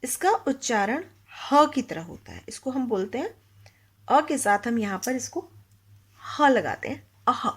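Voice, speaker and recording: A woman's voice: fairly high pitch, breathy edge. A woman teaching a Hindi grammar lesson to young children, explaining patiently, asking the class questions and mixing English words into her Hindi.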